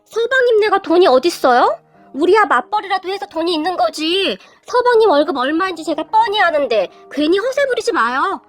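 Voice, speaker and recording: A woman's voice: very high voice, expressive, normal speed, soft background music. A woman voicing a brazen, shameless sister-in-law who whines when crossed. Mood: brazen, aggrieved. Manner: brazen, whining.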